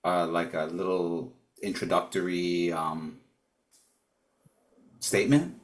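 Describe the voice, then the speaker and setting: A man's voice: low-pitched, steady tone, slow, slight background noise. A man hosting a live video call, rambling a little with fillers. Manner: loose, rambling, many fillers. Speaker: host. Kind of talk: casual video call chat.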